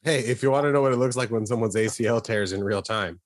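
A man's voice: mid-range voice, fast talker, no room sound. Wisecracking podcast man, dry sound. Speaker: podcast co-host. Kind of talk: casual chat.

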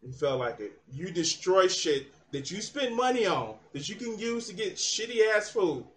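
A man's voice: sits high, sing-song, normal speed, a bit bright, a little hiss or hum. A man hosting his channel, mocking and taunting someone in a profane heated argument. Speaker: channel host.

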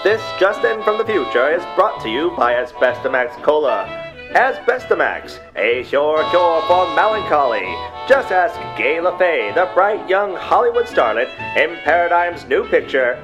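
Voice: medium pitch, big pitch swings, normal speed, highs cut off, pitched above the performer's own voice, lightly acted. A performer doing an old-time radio announcer. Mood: announcing. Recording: music bed under voice.

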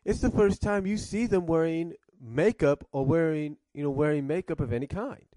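A man's voice: a little high, normal speed, mellow, no echo. A man reviewing cartoons in casual commentary, rambling and circling back to rephrase, coughing now and then with a cough drop in his mouth.

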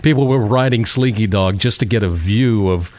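Low-voiced man hosting a chatty podcast. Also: moderate pace, a little mellow. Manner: chatty, laughs easily, reads news items. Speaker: podcast host. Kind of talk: casual podcast chat.

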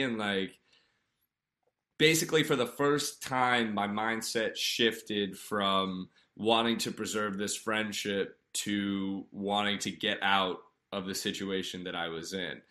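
Man, personal storytelling, earnest, halting with fillers, lowish voice, bright forceful tone. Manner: halting, many fillers and restarts; earnest, candid.

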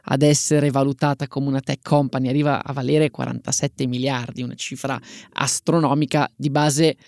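A man's voice: medium pitch, flat delivery, normal speed, creaky, darkish tone, no echo, clean studio sound. A man co-hosting a podcast, telling stories in a casual, conversational way. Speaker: podcast co-host. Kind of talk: casual storytelling podcast talk.

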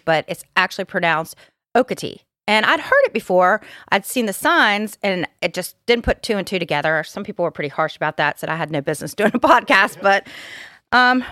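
A woman co-hosts a casual podcast and speaks earnestly as she explains. Her voice is mid-pitched and recorded dry and close. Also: pushed and bright, no echo. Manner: earnest, quick to explain herself. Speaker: podcast co-host.

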